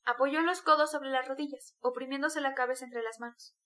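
A woman narrating a novel aloud in a measured, clear storytelling manner. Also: high voice, steady tone, pushed and bright. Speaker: audiobook narrator. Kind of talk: novel reading.

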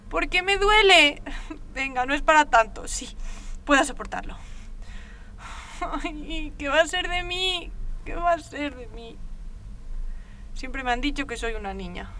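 A woman's voice: sits high, bright, forceful tone, a little hiss or hum, full character voice. A woman reading an audiobook, voicing a frightened young girl locked alone in a cell, pleading and repeating herself, short of breath and close to tears. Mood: in pain. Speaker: audiobook reader.

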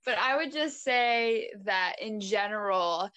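A woman's voice: mid-range voice, lively intonation, slow, a bit bright, smooth, dry recording. Chatty young woman, dry sound. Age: young adult. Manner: chatty, laughs often. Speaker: co-host. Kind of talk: casual chat.

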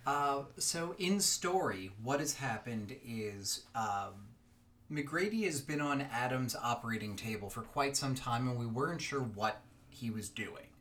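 Lively, chatty man co-hosting a podcast. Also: mid-range voice, a little slow, a little hiss or hum. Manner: lively, chatty, many fillers. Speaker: podcast co-host. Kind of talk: casual chat about a fiction podcast.

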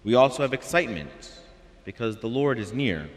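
A man preaching a calm, measured homily at a middle pitch. His voice carries a long reverb from the church around him. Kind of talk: sermon.

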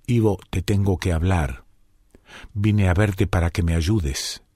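A man's voice: sits low, slow, dark tone, husky, no room sound, clean studio sound, voice pushed down, heavily acted. A man doing a nervous, earnest old friend.

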